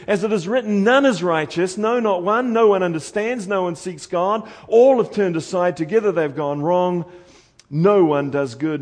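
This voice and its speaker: With a high voice and a New Zealand accent, this preacher delivers an earnest, imploring sermon. He swings between loud, urgent passages and hushed, intense ones.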